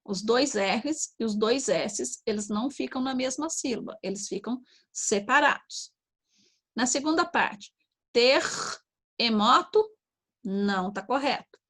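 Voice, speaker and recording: A Brazilian Portuguese-speaking woman teaching young children, slowly sounding out syllables and checking in often. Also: a little high, fairly bright tone. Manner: slow, sounding out syllables, frequent "tá?" and "ó". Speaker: primary school teacher. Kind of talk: online lesson to young children.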